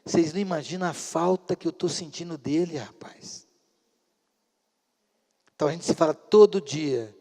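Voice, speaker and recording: A middle-aged man, a psychologist, giving a lively storytelling talk at a church couples retreat and acting out the dialogue. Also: a little high, normal speed, pauses often. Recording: long hall reverb.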